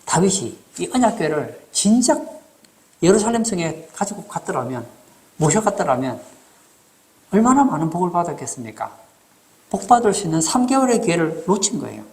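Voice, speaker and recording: A man's voice: sits high, big pitch swings, a little fast, a little mellow. A man preaching a sermon as pastor, asking the congregation rhetorical questions and acting out short quotes.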